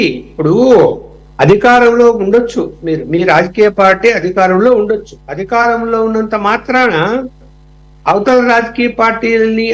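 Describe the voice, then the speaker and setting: A man's voice: high voice, rough recording. A man on a political debate panel, arguing emphatically and firing off rhetorical questions.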